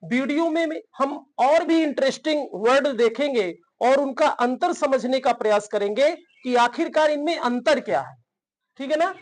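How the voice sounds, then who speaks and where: A man's voice: very high voice, moderate pace, poor audio. A man teaching English in Hindi, who asks his learners questions, answers them himself, and often checks in with "theek hai na". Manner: addresses learners as "beta". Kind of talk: spoken English lesson in Hindi.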